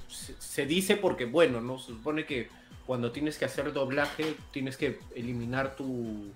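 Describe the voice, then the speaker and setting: A man's voice: mid-range voice, unhurried, faint music behind. A man on a casual gaming podcast who explains things hesitantly, often repeating words.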